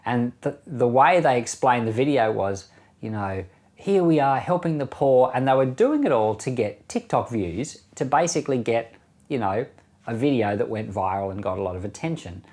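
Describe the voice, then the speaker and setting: A male pastor who reads scripture slowly, then comments in a relaxed, conversational way with frequent soft chuckles. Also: medium pitch. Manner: reads verses slowly and deliberately.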